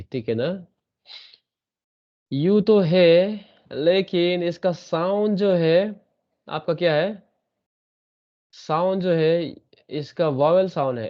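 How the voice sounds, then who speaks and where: A man leads an online grammar class, going slowly and drilling each sound over and over. He keeps checking that students follow. The audio is muffled and lo-fi. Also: on the high side. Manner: repetitive, drills sounds, asks checking questions. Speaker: English grammar teacher.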